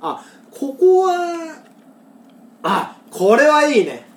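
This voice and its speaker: A woman from Kagoshima hosts a casual podcast, her pitch moving a lot as she explains dialect words and laughs often. The room gives her voice a roomy echo. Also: very animated, very slow. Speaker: podcast host. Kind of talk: casual podcast chat reading listener poems.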